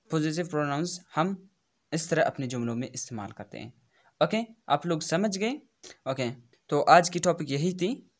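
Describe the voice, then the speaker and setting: Slow, deliberate male English teacher. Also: on the high side. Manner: repeats each example slowly and deliberately; addresses students directly with frequent "okay". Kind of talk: grammar lesson.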